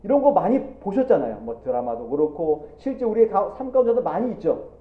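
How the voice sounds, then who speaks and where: A man preaching a Sunday sermon as a pastor, lively and animated, voicing the Bible characters he quotes. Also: high voice, quick pace. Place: church sanctuary. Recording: echoey church, phone-like audio.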